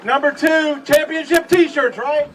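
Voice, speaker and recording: Very high-pitched man addressing an outdoor crowd. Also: fairly even intonation, measured pace. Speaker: city manager hosting the ceremony. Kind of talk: public event speech to a crowd. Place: outdoor downtown stage. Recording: distant outdoor PA with crowd and noise.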